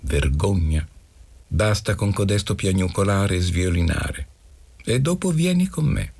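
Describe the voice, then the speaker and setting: A man's voice: low voice, sing-song, a little slow, creaky, a little mellow, breathy edge, pitched above the performer's own voice, full character voice. A man reading aloud, voicing a stern young woman who gives curt, commanding orders. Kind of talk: literary radio reading.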